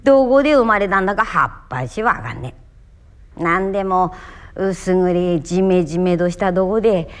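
A woman's voice: on the low side, expressive, normal speed, smooth, lightly acted. A woman voicing a nameless stray cat in a Miyagi dialect, reciting homely and earthy lines.

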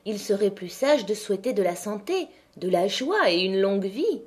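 A woman's voice: medium pitch, sing-song, normal speed, lightly acted. A woman voicing a sensible but hot-headed peasant husband who scolds and pleads. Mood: reasoning.

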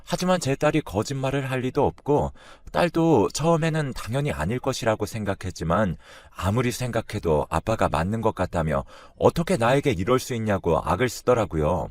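Story narrator: man, low, lively delivery, dry close sound. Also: fairly quick, few pauses, no room sound. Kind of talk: scripted first-person story reading.

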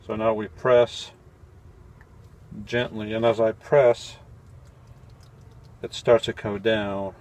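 Lower-voiced man thinking aloud in a van. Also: little pitch movement, slow pace, pauses often, darkish tone. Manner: thinking aloud, self-correcting, mildly puzzled. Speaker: van-life vlogger. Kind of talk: casual how-to talk while making coffee. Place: small cluttered van interior at night.

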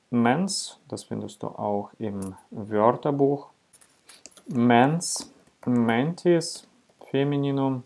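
Male tutor, unhurried, warm dark tone, patient explainer who checks in with the listener. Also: on the low side, gravelly. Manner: slow, patient, with frequent "ja?" checks and fillers. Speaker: Latin teacher. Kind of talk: explanatory lesson.

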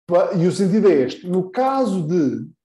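A man with a European Portuguese accent teaching English in a live online lesson, patiently repeating example phrases slowly and clearly. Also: high-pitched, very animated, mellow, echoey room.

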